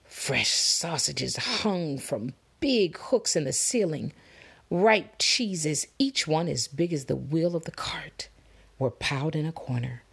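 A woman reading a children's fable aloud, slow and expressive. Her voice is low, gravelly and very husky. She often drops into soft whispers to build suspense. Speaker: storybook reader. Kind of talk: children's story read-aloud.

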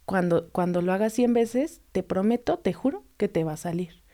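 Animated Mexican woman coaching skaters. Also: medium pitch, moderate pace. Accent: Mexican Spanish. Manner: animated storyteller who acts out quoted voices. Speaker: roller skating coach and club founder. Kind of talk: casual interview talk.

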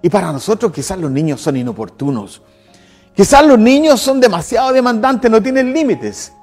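A Chilean man in his sixties preaches with a high, swooping voice, driving his points home through emphatic repeated lists. His sermon rings out in a church hall with a long reverb, and soft music plays behind him. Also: very animated, moderate pace. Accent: Chilean Spanish. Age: 60s. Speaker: pastor.

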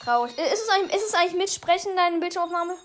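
A woman hosting a casual gaming podcast, chatty and excitable. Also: extremely high pitch, very fast. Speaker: podcast host. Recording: music playing behind.

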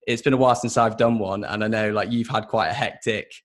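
Host: twenties man, faded Yorkshire accent, lowish flat delivery, hesitant. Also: quick pace. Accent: faded Yorkshire, mostly southern English. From Yorkshire, England. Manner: hesitant, many ums and restarts. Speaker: podcast host. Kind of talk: casual interview chat.

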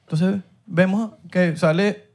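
Young man, Venezuelan accent, higher voice, joking, outdoor chat. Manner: joking, rapid, animated slang-filled talk. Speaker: host. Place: outdoors in a city street.

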